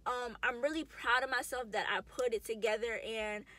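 A woman's voice: fairly high pitch, fairly even intonation, normal speed, bright, forceful tone. A woman in her mid twenties talking casually to camera in a vlog, chatty, slangy and emotional. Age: 20s. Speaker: vlogger. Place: in a car.

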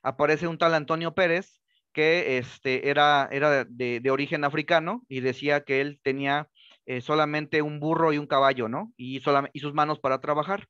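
Man, history talk, fillers and restarts, question tags, slightly high voice, dry muffled sound. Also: steady tone, moderate pace, fairly bright tone, smooth, dry recording. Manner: hesitant, many fillers and restarts, ends phrases with rhetorical question tags. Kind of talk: academic lecture.

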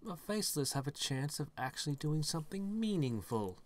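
A gaming channel host with a fairly high voice and big pitch swings gives let's-play commentary at a moderate pace. He thinks aloud in a rambling way, with dry, self-mocking humour.

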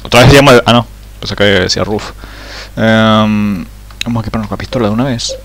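A man playing a horror game and commenting excitedly, swearing loudly and dropping English exclamations into his talk. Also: fairly low pitch, a little fast, no echo. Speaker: let's play gamer.

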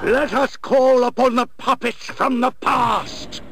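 An actor playing a scheming, zealous old time sorcerer in a video game, grandiose and menacing in a theatrical croak. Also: male voice, extremely high pitch, fairly even intonation, slow pace, a bit bright, a little hiss or hum, full character voice. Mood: triumphant, declaiming. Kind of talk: video game villain acting.

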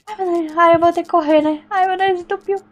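A woman's voice: extremely high pitch, fairly even intonation, brisk, dull audio. A Brazilian woman streaming a horror game, talking nervously to herself and the game and reading notes aloud. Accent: Brazilian Portuguese. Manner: jittery, talks to herself and the game, frightened exclamations. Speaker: gaming streamer.

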